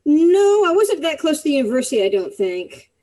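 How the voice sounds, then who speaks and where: A woman giving a relaxed update on a casual video call, telling it in an easygoing way. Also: high-pitched, fairly quick, poor audio. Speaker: meeting participant.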